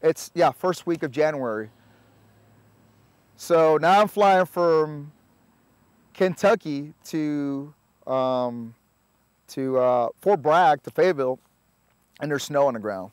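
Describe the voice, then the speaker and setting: A man, a Spanish speaker, telling his story in a relaxed, halting way full of filler sounds. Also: a little high, clean tone, dry recording. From Puerto Rico. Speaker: army veteran guest. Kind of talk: casual interview storytelling.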